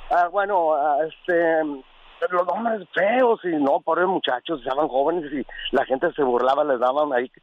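A man's voice: a little high, moderate pace, few pauses, a little hiss or hum. A man from Aguascalientes calling in, rambling and hesitant with many fillers. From Aguascalientes, Mexico. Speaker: caller. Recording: dull lo-fi phone line.

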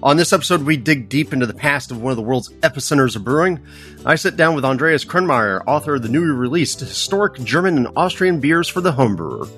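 Podcast host guy, lively voice, upbeat, quick jokey asides, faint music under. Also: mid-range voice. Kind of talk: casual podcast hosting and read ads.

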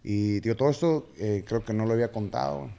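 Gravelly low-voiced Mexican man. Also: mellow. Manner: slangy, halting retelling with many fillers. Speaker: podcast guest. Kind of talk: casual interview storytelling.

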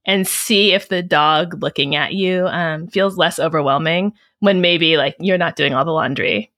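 A woman with a lowish voice hosts an advice show and talks through a listener's problem in a measured, frank way. Her voice sits close to a dry studio mic. She sounds casual and thoughtful. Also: a bit bright, no room sound.

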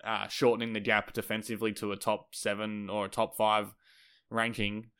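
Even-toned, lower-pitched man with a croaky voice. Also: moderate pace. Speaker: sports podcast host. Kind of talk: solo basketball analysis commentary.

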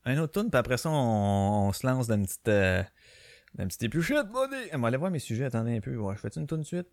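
A man's voice: mid-range voice, sing-song, fast talker, no echo, clean studio sound. A man with a Québécois French accent hosting a casual solo podcast from his bedroom on a small home mic, rambling with lots of fillers and restarts. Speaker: podcast host. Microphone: small home microphone.

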